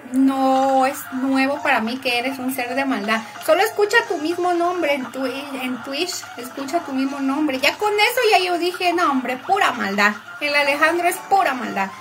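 A young woman talks casually to her live-stream audience. Her voice sits high, and her tone is upbeat as she greets people by name. Music plays clearly behind her. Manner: chatty, upbeat, greets and thanks viewers by name. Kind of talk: casual live-stream chat reading viewer messages.

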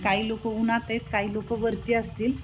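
Soothing high-voiced woman, faint noise. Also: flat delivery, a little fast. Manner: soothing, reassuring, switching Marathi and Hindi. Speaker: old-age home founder. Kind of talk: comforting vlog talk.

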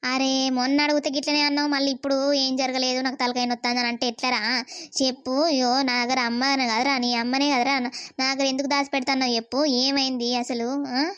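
A woman's voice: high-pitched, little pitch movement, fairly quick, a bit bright, clean tone, dry recording, highs cut off. A woman voicing a worried, nagging mother-in-law in a cartoon, questioning her son with a Telangana Telugu accent. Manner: questioning, scolding. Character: worried middle-aged mother-in-law, nagging but caring. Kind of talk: animated cartoon voice acting.

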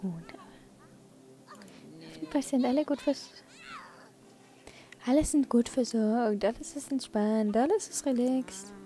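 A woman's voice: fairly high pitch, measured pace, long pauses, dark tone. A woman hosting a let's play, casually commenting on her game and coaxing the characters along.

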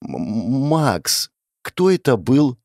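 Man voicing a shaky stammering young boy, raised pitch, lively, dry audiobook sound. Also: fast talker, dry recording. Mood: frightened. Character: frightened young boy companion.

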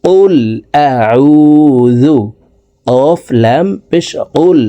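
A man with a Bangladeshi Bengali accent teaching Quran recitation word by word, drawing out the recited words and then explaining the rules more briskly. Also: mid-range voice, mellow, no room sound. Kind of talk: slow recitation lesson.

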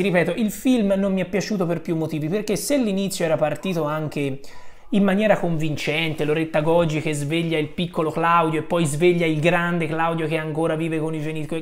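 Rambling, hesitant male film reviewer. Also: a little high. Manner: rambling and hesitant, often trailing off and correcting himself. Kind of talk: casual spoken film review.

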